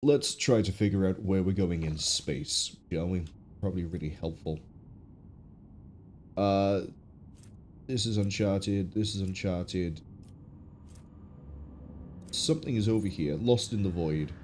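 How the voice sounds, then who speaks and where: A man's voice: low-pitched, moderate pace, a little mellow, a little hiss or hum. A man with a stuffy nose, sounding ill, gives casual gameplay commentary as a streamer, musing and thinking aloud. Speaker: game streamer. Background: game music.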